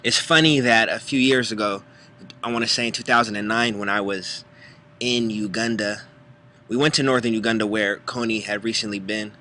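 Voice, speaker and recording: A man's voice: fairly low pitch, steady tone, moderate pace, sharp tone, slight background noise. An American man giving concerned personal commentary and repeating himself as he talks. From United States. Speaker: vlogger.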